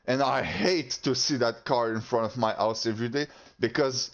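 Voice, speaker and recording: A man telling a story in a heated, profane rant, halting often and restarting his sentences. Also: mid-range voice. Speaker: channel host. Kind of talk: casual rant to camera. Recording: slightly dull lo-fi audio.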